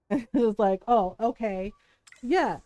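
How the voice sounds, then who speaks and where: A woman with a slightly high voice talks at a slow pace on a live game stream, with no room sound. She grew up speaking Tagalog, English and Spanish, and her casual storytelling is candid, animated and full of profanity.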